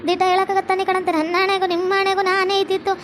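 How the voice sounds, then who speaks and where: Lady doing a sneaky maid, fast high voice, always accusing someone. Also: little pitch movement, a bit bright, a little hiss or hum. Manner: accusing, pleading and conniving. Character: scheming, quarrelsome young housemaid.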